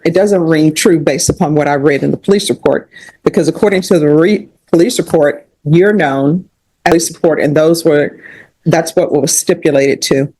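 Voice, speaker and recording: A woman judge speaking firmly and deliberately at a courtroom sentencing. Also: deep voice, dark tone, dry recording, rough recording. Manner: firm, measured, questioning.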